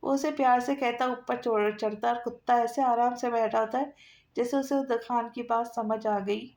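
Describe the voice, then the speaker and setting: A woman narrating a romance novel aloud in a steady storytelling manner. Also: a little high. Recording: echoey room.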